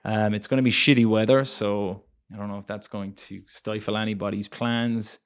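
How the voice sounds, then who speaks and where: A man's voice: fairly low pitch, little pitch movement, moderate pace. A young man co-hosting a casual political podcast, rambling with many fillers and restarts. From Ireland. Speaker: podcast co-host.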